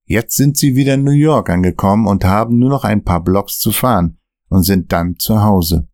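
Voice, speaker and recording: A man narrating a scripted story podcast in a steady, measured way. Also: lowish voice, no echo, clean studio sound.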